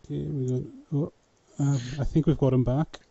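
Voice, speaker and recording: A man's voice: medium pitch, level tone, normal speed, gravelly, dark tone, slightly rough. A man with a thick Scottish accent hosting an informal live panel chat over an online call. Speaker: host of a live panel show. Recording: muffled online call audio.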